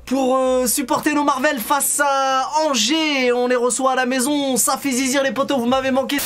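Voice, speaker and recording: A man giving excited live football commentary as a fan, shouting and stretching out his exclamations. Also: extremely high pitch, moderate pace. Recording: noisy stream with crowd sound behind.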